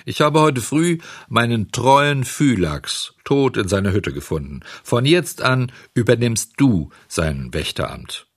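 A man's voice: medium pitch, sing-song, measured pace, few pauses, no room sound, clean studio sound, pitched above the performer's own voice. A man doing an angry scolding farmer. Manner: harsh, scolding, threatening. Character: angry stern male farmer.

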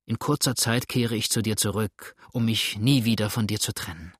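A man's voice: fairly low pitch, moderate pace, husky, no echo, clean studio sound. A man reading the part of a desperate husband, a judge, pleading urgently with a trembling voice.

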